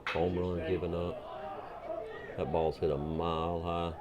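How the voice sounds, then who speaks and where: A man calling baseball play-by-play in a measured, unhurried way. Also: sits low, level tone, dull audio. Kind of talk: live sports commentary. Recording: loud crowd and ballpark noise. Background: crowd and ballpark ambience.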